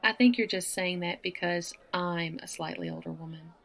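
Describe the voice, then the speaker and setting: In one-sided roleplay audio, a Southern woman flirts with a stranger at a bar, teasing and laughing often. Her voice is on the low side and creaky with a fairly bright tone, delivered at a moderate pace.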